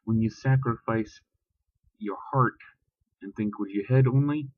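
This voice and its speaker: A man's voice: medium pitch, unhurried, no echo, narrow, tinny audio. A man ranting bluntly and profanely in a casual vlog, talking about religion with heat. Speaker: vlogger. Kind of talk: casual spoken rant.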